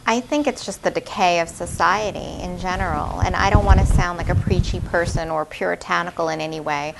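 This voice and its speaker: A woman speaking as a guest commentator on a panel, choosing her words in a measured, careful way. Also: lowish voice, steady tone, creaky, background noise. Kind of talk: panel discussion.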